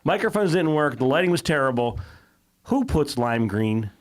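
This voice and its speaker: A man's voice: a little high, big pitch swings, moderate pace. A man co-hosting a casual podcast, blunt and sweary, his voice heavily compressed on a close mic. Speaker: podcast co-host. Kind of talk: casual chat. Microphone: close podcast microphone with heavy compression.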